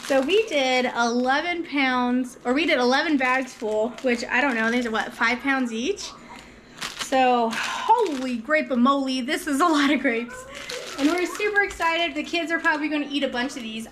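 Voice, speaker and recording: Upbeat, high-voiced mom vlogger. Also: female voice, noisy background. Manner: upbeat, enthusiastic, talks straight to viewers. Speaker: vlogger, mother. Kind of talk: casual chatty vlog.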